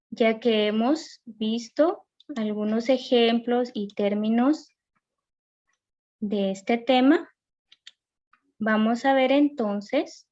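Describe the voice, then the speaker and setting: A woman teacher giving a recorded grammar lesson, reading rules and examples slowly and carefully. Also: on the high side, warm tone, muffled recording.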